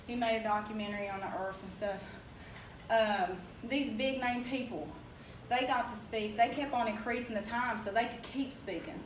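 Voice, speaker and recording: A young woman with an Appalachian accent telling a story in a casual, animated way, often laughing and acting out the voices she quotes. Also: fairly high pitch, normal speed, a little hiss or hum. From Appalachia, West Virginia. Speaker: speaker telling her story. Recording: echoey room, mic from far off, faint ambience.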